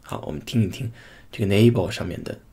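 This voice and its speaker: A man teaching a pronunciation lesson, saying each sound twice in slow, drawn-out demonstrations. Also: fairly low pitch, mellow, slightly rough. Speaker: language teacher.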